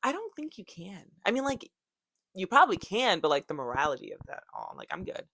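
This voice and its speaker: A woman's voice: lowish voice, huge pitch swings, fairly quick, a bit bright, dry recording. Woman in her 20s vlogging, goes off topic a lot, jokes and swears, dry room. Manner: rambling and joking, swears freely. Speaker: YouTuber. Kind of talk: casual chat to camera.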